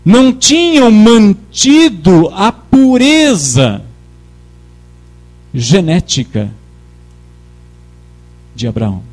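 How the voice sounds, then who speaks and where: A man's voice: high voice, sing-song, extremely slow, long pauses, a little mellow. A male preacher giving a sermon with emphasis, calling on the congregation to repeat his words back to him. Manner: emphatic, leads the congregation in call-and-response.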